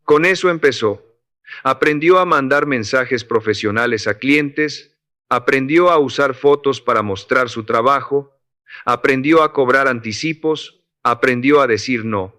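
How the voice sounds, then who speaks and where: A man narrates a scripted motivational story. He reads in a steady, unhurried way. His voice sits at a mid pitch.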